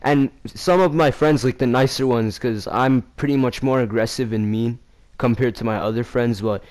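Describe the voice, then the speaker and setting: A young man in a casual vlog telling a story in slangy, profane, rambling talk. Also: normal speed. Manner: acts out quoted lines in a louder, higher voice. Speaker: vlogger.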